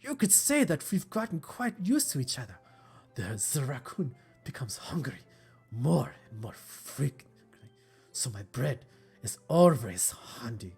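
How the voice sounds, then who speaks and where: A woman putting on a low German-accented voice for a shy, bookish young woman who reads her poem quietly. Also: lively intonation, husky, faint music behind, full character voice. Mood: brooding. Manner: timid, halting, hushed.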